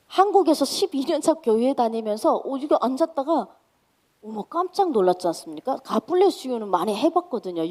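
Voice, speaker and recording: A woman's voice: mid-range voice, mellow. A woman from North Korea with a North Korean accent, speaking to a congregation as a guest giving her testimony. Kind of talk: church testimony, addressing congregation.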